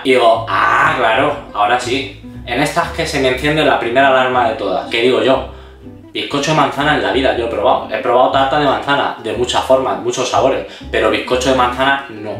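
Animated man. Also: mid-range voice. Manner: animated, exaggerated storyteller. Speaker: cooking channel host. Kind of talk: casual storytelling to camera. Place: home kitchen. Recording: echoey room, mic at a distance, background music.

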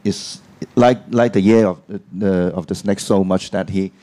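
Mellow, low-voiced man. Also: steady tone, normal speed. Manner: hesitant, with many fillers and restarts, laughing along. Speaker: co-host and learner. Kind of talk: casual lesson banter.

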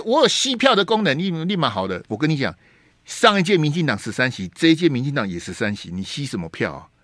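Speaking with a fairly high, sharp voice, a male host with a Taiwanese Mandarin accent runs a radio program from the studio. His political commentary is emphatic, heavy on rhetorical questions, and mixed with Taiwanese Hokkien words. The studio microphone captures clean sound without any room noise.

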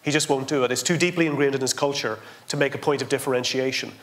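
A man's voice: mid-range voice, fast talker, a bit bright. An older man, making emphatic points on a conference panel and repeating words for stress. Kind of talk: panel discussion. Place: indoor conference stage.

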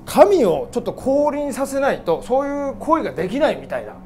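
Excitable man telling a ghost story fast. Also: extremely high pitch, soft background music. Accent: mixed Japanese dialects with Kansai turns. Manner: excitable, acts out voices and chants. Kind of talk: theatrical storytelling.

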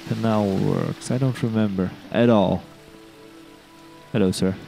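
A man's voice: fairly low pitch, fairly even intonation, measured pace, vocal fry, mellow, faint music behind. A man hosting a video game let's play, chatting casually and rambling, tripping over his words in a giddy, upbeat mood. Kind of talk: casual gameplay commentary.

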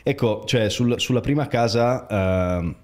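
A man with an Italian accent hosting a casual conversation, relaxed, asking questions and agreeing often. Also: medium pitch, a little slow. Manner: relaxed, asks questions, frequent agreeing backchannels. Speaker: podcast host.

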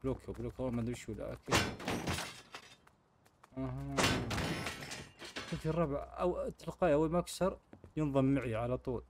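Man, mid-pitched, casual gamer commentary, noisy track with clicks. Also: fast, pauses often. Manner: chatty, talks to viewers while playing. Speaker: gaming channel host.

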